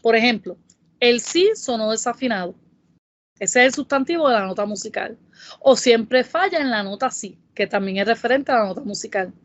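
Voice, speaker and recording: A woman's voice: fairly high pitch, expressive. Woman tutor reading a grammar lesson. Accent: Puerto Rican Spanish. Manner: careful, explanatory, reads example sentences slowly. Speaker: Spanish tutor. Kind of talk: scripted lesson narration. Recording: dull, dry voice-over.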